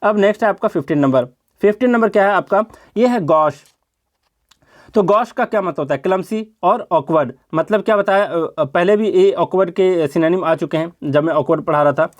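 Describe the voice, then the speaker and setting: Higher-voiced man teaching vocabulary. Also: fairly quick. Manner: explains step by step, repeating words and asking rhetorical questions. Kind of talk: exam-prep vocabulary lesson.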